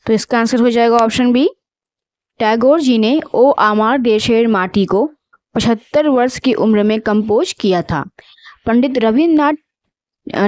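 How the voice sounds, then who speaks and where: Woman, exam tutor, reads options slowly, repeats answers, higher voice, dry room. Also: a little mellow, no room sound. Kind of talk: exam-prep lesson.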